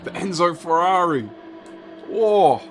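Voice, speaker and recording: A man in his thirties with a high-pitched voice is live-streaming a racing game, speaking slowly over soft background music. He chats casually with his viewers, rambling and laughing now and then.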